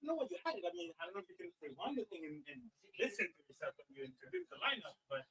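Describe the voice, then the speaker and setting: A man chatting on a live stream as sideline reporter, his voice high and swinging widely in pitch. He teases and chuckles through casual banter. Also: big pitch swings, very fast, bright, forceful tone, husky, rough recording. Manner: teasing, chuckling.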